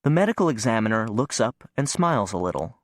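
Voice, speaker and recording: A man narrating a novel in first person in an even, measured way. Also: lowish voice, no room sound, clean studio sound. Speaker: audiobook narrator.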